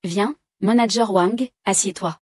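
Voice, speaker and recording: A woman dubbing every role of a drama, reading the lines in an even, steady way into a close studio microphone. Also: mid-range voice, measured pace, slightly rough, no room sound. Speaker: dubbing voice for all roles. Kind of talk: dubbed drama dialogue.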